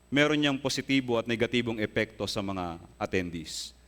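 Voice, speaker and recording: A male pastor preaching a sermon with earnest emphasis, often asking his congregation rhetorical questions and rising into emphatic high bursts. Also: expressive, moderate pace, fairly bright tone. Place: church hall. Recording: long hall reverb.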